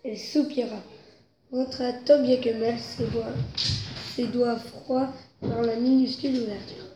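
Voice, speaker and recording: A woman reads a children's story aloud in a mellow, fairly high voice. Her telling is expressive and builds with the story's tension. The room around her is echoey, with faint background noise. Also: unhurried. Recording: roomy echo, faint noise.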